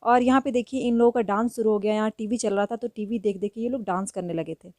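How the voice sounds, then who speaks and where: A woman chatting through a casual vlog in a village home, narrating with gentle laughs. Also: mid-range voice, steady tone, fast talker. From India. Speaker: vlogger.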